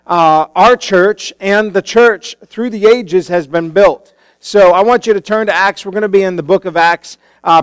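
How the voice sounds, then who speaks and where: A man with a high-sitting, clean voice preaches a sermon into a pulpit microphone in a church sanctuary, with no room sound. He's a pastor speaking casually and conversationally, full of fillers and restarts.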